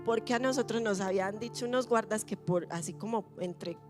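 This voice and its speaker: A woman pastor preaching a sermon, telling a story with lively acted-out quotes. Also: mid-range voice, fairly quick, over music. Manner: lively storyteller acting out her own quoted fears. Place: church.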